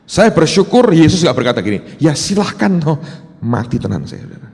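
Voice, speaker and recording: Lively, gravelly preacher in a big hall. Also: male voice, a little high, a little fast. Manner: storytelling, swings from shouts to hushed whispers, slips into Javanese. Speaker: pastor. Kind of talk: sermon.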